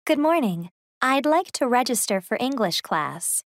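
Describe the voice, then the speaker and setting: A woman's voice: a little high, very animated, dry recording, studio quality. A woman voicing a young woman student signing up for an English class in a scripted textbook dialogue. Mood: relaxed.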